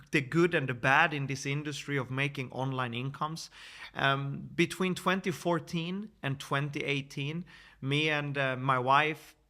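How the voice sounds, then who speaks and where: A Swedish man in his thirties gives a screen-share sales presentation as a network marketer, earnest and persuasive, with lots of fillers and restarts. His medium-pitched voice sounds pushed and bright.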